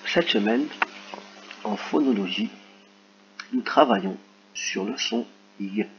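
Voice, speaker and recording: A man teaching a recorded phonics lesson to young children, dictating words slowly and clearly. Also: on the low side, dull audio, background noise. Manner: slow, carefully articulated word dictation.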